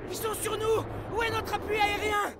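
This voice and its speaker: Panicked soldier, shrill, over a crackly field radio, frantic calls. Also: male voice, level tone, normal speed. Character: panicked male soldier calling in air support. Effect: military field radio transmission.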